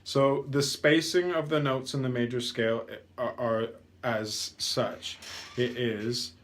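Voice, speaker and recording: A man's voice: medium pitch, steady tone, slow pace, fairly bright tone. A man teaching a guitar lesson, patiently counting out scale steps aloud. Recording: guitar playing between lines.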